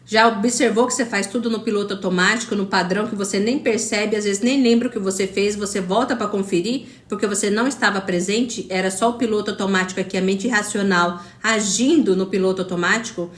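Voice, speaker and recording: A woman's voice: medium pitch, steady tone, brisk, hardly any pauses, echoey room. A woman with a Brazilian Portuguese accent hosting a live stream as a spiritual coach, talking in an emphatic, repetitive way and greeting viewers by name. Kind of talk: motivational live-stream talk.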